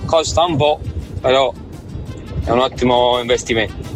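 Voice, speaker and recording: A man's voice: mid-range voice, moderate pace, soft background music. A man speaking casually in a listener's voice message to a radio show. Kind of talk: casual chat.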